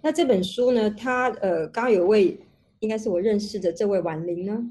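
A woman's voice: mid-range voice, fairly quick, warm tone. A woman, a researcher speaking as a guest in an online panel talk over a video call, explaining at length with many restarts. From Taiwan.

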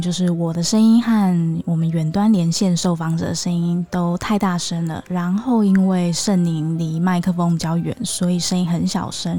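A woman co-hosting a casual podcast chat, calm and matter-of-fact. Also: fairly low pitch. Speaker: podcast co-host.

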